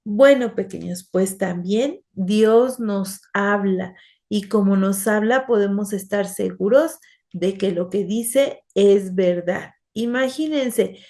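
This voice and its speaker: A woman's voice: medium pitch, slow pace, warm tone. A woman teaching an online Bible lesson to children, telling stories and often asking them "right?". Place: online class.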